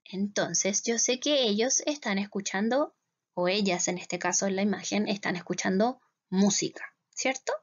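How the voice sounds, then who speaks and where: A woman teacher with a Chilean Spanish accent patiently explaining English grammar to her students, checking in with them again and again and saying English words slowly. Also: mid-range voice. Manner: patient, repeats "¿cierto?" to check understanding. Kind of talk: classroom lesson explaining grammar. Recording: dull lo-fi sound.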